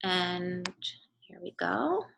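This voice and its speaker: This early-grade teacher speaks in a lowish, gravelly voice that swings widely in pitch and stretches out her words, with noise in the background. Teaching a remote read-aloud lesson to young children, she keeps explanations simple and instructive, frequently asking "okay" or "right?" to check in.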